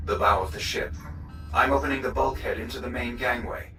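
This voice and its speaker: A man voicing a calm, polite male ship computer AI in a video game, speaking in an even, measured way. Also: mid-range voice, lightly acted. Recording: echoey, distant, with game music.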